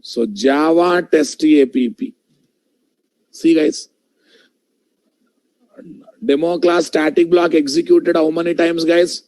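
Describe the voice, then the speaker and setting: A man's voice: fairly high pitch, steady tone, takes it slowly, long pauses, a little mellow, no room sound, poor audio. A man with a Telugu Indian accent teaches a live online programming class, repeating key phrases and often checking in with direct questions to his students. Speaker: programming instructor. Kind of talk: live online coding lesson.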